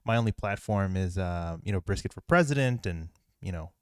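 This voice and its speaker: This podcast co-host has a low, expressive voice and talks briskly and smoothly, rambling through casual chat full of fillers and restarts. The sound is clean studio audio with no room sound.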